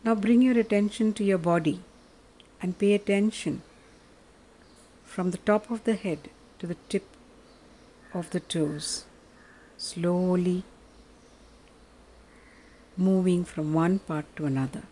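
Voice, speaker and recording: A woman leading a guided meditation in a soft, calm, soothing way, leaving long pauses. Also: fairly low pitch, poor audio.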